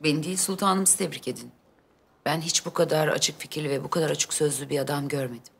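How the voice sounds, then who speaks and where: A woman's voice: low-pitched, fast talker, vocal fry, a little hiss or hum. An actress playing a self-assured, direct woman in conversation in a period TV drama. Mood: earnest.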